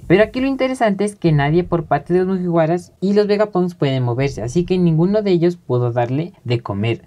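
A woman narrating a recap of a manga chapter, talking straight to her viewers in a conversational way. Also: low voice. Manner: conversational, addressing viewers directly. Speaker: anime and manga youtuber. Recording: soft background music.

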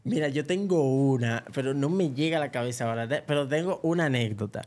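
A young adult Dominican man, a comedian, chatting casually and telling lively stories, with a Dominican Spanish accent and a speech habit of not pronouncing the R. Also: medium pitch, fast talker. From Dominican Republic. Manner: animated storyteller who acts out quoted voices. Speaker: comedian guest. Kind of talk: casual podcast chat.

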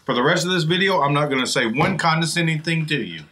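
Male host, casual and teasing, forceful bright tone, noisy restaurant background. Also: a little high, animated, fast. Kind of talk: casual chat. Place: inside a fast-food restaurant, seated at a table.

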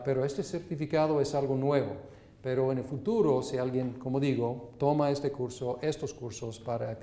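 A man's voice: mid-range voice, dark tone. Man teaching a seminary class, roomy sound. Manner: measured, with many fillers. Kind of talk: leading a class and prayer.

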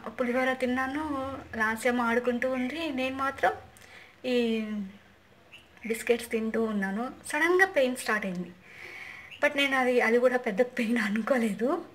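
Young female vlogger, casual storyteller, slightly high pitch, faint background hiss. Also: a bit bright. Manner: chatty, repeats and restarts phrases.

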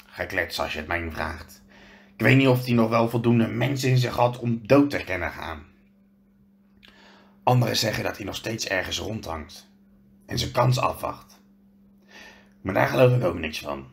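This reading has a man using a mid-range voice for a storybook's huge male half-giant. Gruff but kindly, the character tells his story with earnest hesitation.

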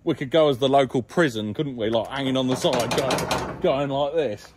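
A man's voice: mid-range voice, normal speed. A man in his thirties, a farmer vlogging from his yard and workshop, talking chattily and jokily into a phone held at arm's length. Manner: chatty, jokey, matter-of-fact storytelling. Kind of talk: casual vlog chat. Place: outdoors in a farm yard and indoors in a workshop. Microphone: handheld phone at arm's length.

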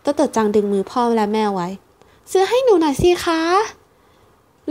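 A woman reads a children's storybook aloud, her voice pitched a little high. She narrates steadily and carefully, keeping an even read-aloud pace. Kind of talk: storybook reading.

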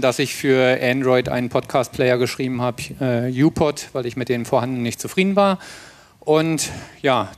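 A man introducing himself at a workshop as an app developer and podcaster, wry and relaxed, in a large seminar room. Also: mid-range voice. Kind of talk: self-introduction.

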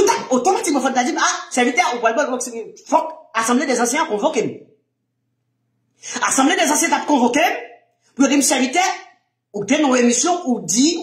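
A man with a Haitian accent, a minister teaching in an impassioned sermon, firing rhetorical questions and swinging from low murmurs to shouts. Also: roomy sound.

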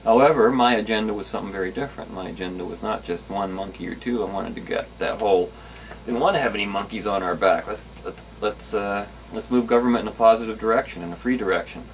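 A low-voiced man reflects in an interview, pausing over his words. He sits a little off-mic, and faint noise sits behind him. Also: far from the mic, rough recording. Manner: hesitant, with fillers and restarts.

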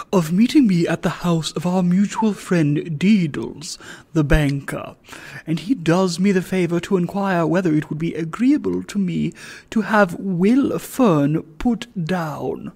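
A man reading aloud and voicing a pompous, self-righteous wealthy old gentleman who speaks with solemn majesty. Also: high-pitched, voice pushed up. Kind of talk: audiobook reading.

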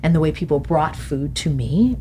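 A middle-aged woman, an author appearing as a podcast guest, speaks reflectively in a studio interview, her voice low-pitched and her pace moderate. She's thoughtful, gestures animatedly with her hands, and laughs often. A studio mic on a boom arm picks her up along with a little hiss or hum.

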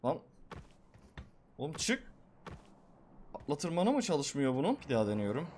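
A man giving live, excitable gameplay commentary as a gaming YouTuber, swearing and talking to his viewers. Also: fairly high pitch, normal speed, a little hiss or hum.

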